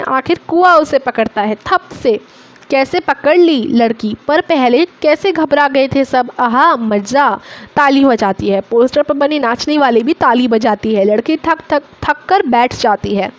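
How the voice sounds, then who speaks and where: A woman's voice: high voice, lo-fi sound. A woman teacher reading a school play aloud and voicing every part in her own voice. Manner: reads all the parts in her own voice.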